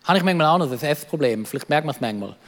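A man with a Swiss German accent preaching a lively sermon, acting out quoted voices and repeating words as he goes. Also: on the high side, rapid-fire, big-room sound. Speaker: pastor.

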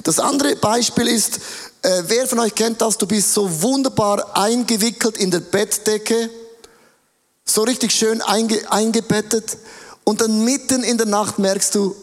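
A man delivers a sermon, playful and animated, often slipping into little acted voices. His voice sits high, and the sound carries the long echo of a large hall. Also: a little slow. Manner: animated, playful, acts out quotes. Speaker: preacher. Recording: reverberant hall.

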